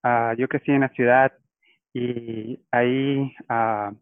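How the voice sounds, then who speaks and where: A man's voice: mid-range voice, level tone, takes it slowly, clear, resonant tone, no echo. A man from Guatemala, a guest explaining his career in a casual interview. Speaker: guest, data scientist. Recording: tinny phone-like line, dry.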